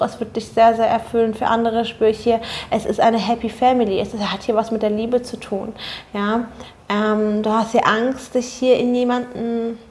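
A woman's voice: on the high side, a little mellow. A woman giving a spontaneous tarot reading, speaking earnestly and directly to the viewer with many fillers and restarts. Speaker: tarot reader.

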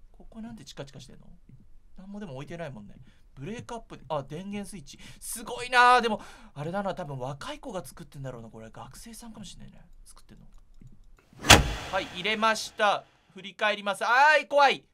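A man's voice: high voice, sing-song, quick pace, bright, forceful tone, a little hiss or hum. A man doing casual, chatty gameplay commentary for viewers, sounding jittery as he goes. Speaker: gaming streamer.

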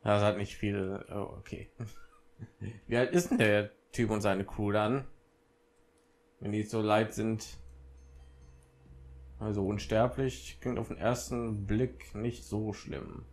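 A man's voice: lowish voice, fairly even intonation, takes it slowly, long pauses. A young man casually commenting on a game he is playing and reading the subtitles aloud in an offhand way. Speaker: let's player. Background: game music.

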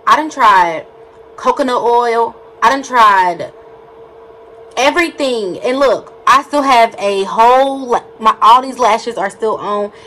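A woman's voice: on the high side, takes it slowly, sharp tone, a little hiss or hum. A woman vlogging at home at night, sore and near tears, talking straight to her viewers in distress. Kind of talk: casual vlog talk to camera.

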